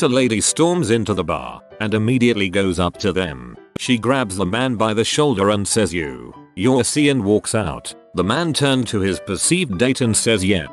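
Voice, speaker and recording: Narrator, male, low voice, flat reading of online stories over soft music. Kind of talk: scripted narration. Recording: faint music underneath.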